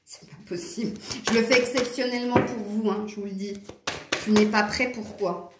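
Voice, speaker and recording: A woman's voice: mid-range voice, steady tone, moderate pace, reverberant, very noisy. A woman with a southern French accent giving a chatty tarot reading straight to her viewers, laughing often between remarks. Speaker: tarot card reader.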